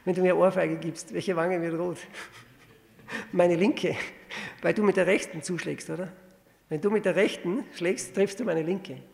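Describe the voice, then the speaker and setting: Gravelly guy preaching, asks the crowd questions, reads verses real slow, big hall echo. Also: high voice, steady tone, darkish tone. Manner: teaching with rhetorical questions, reads scripture slowly. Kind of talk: sermon. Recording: long reverb of a hall.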